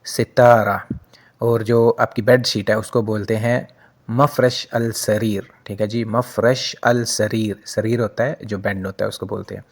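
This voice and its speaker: A man, a native Urdu speaker, giving a casual vocabulary lesson, saying each word twice and often adding a friendly "theek hai ji". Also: fairly low pitch. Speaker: language teacher.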